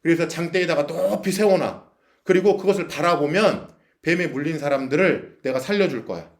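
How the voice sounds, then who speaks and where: Man voicing stern God, commanding, scolding, slightly raised pitch. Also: a little fast, natural voice. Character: stern commanding God, angry at ungrateful people.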